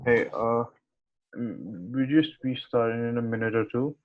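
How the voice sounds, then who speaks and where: A man's voice: medium pitch, unhurried. A young man interviewing over a video call, hesitant and full of filler sounds. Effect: heard over a video call. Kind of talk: casual interview chat. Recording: tinny video call audio.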